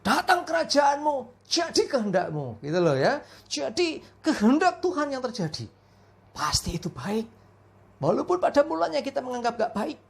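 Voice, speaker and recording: A woman's voice: sits high, big pitch swings, normal speed, gravelly. A woman preaching a family worship sermon, telling stories with frequent fillers.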